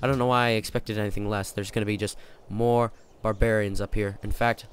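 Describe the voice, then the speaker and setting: Excitable young man commentating a game. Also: on the low side, brisk, slight background noise. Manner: excitable, jokey, thinks aloud. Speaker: gaming channel host. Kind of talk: let's play commentary. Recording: game music playing behind.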